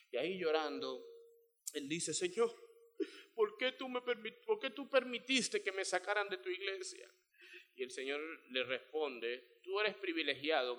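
A middle-aged male pastor preaching a sermon, animated and acting out little scenes in voices. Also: a little high.

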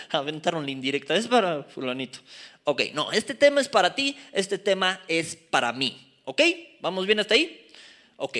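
A man preaching a lively Bible study, joking and asking the congregation to repeat after him. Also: fairly high pitch. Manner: animated, joking, asks the crowd to repeat.

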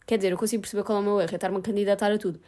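A woman's voice: medium pitch, steady tone, racing, mellow. A young woman with a European Portuguese accent, talking frankly and self-mockingly in a casual vlog, swearing freely. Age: young adult. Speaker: vlogger.

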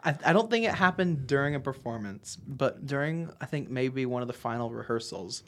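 A woman's voice: extremely low pitch, expressive, a little fast. A young woman casually retelling funny moments from a play she acted in, often laughing. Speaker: student actor recalling a play. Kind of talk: casual chat.

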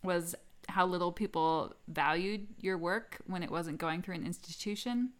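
A woman's voice: on the low side, moderate pace. A woman freelance screenwriter in casual conversation, frank and wryly self-deprecating. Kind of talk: casual chat.

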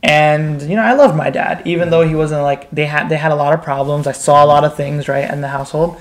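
With an American accent and a fairly quick pace, a man in his twenties, from the United States, Pakistan, Bangladesh and Qatar, talks frankly and informally about himself as an interview guest. His voice is on the high side with fairly even intonation, and he peppers his speech with "like" and "right?".

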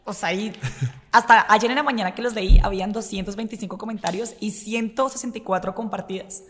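A woman, a radio host, chatting casually in an interview and talking very fast in an animated way. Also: mid-range voice, noisy background. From Colombia. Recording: long room reverb.

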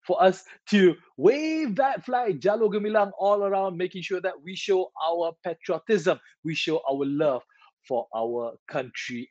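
A man with a Malaysian accent hosts a casual chat to viewers, animated and playful, with colloquial particles in his speech. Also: high-pitched, no echo, dull audio. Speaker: talk show host.

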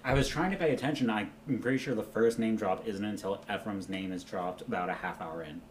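A man's voice: lowish voice, a little fast, a little hiss or hum. A man in casual podcast chat, making wry jokes and swearing freely.

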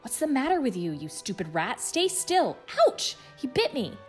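A woman's voice: on the low side, brisk, soft background music, natural voice. A woman voicing a panicky, hotheaded teenage schoolboy wizard in a storybook reading. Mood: angry. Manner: hissing then shouting, hotheaded.

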